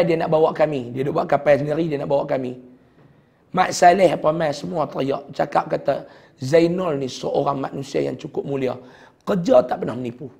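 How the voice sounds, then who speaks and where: A middle-aged man with a Kedah Malay accent, a religious teacher telling a heartfelt personal story in a sermon, often sinking to a hushed voice. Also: on the high side, vocal fry. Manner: heartfelt storytelling, dropping to a hushed voice at sad moments.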